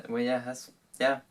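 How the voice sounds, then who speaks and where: A man's voice: mid-range voice, sharp tone. Young guy co-hosting, laughs a lot, um and uh everywhere, kinda far from the mic. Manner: laughs often, many fillers and restarts. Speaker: co-host. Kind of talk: casual chat.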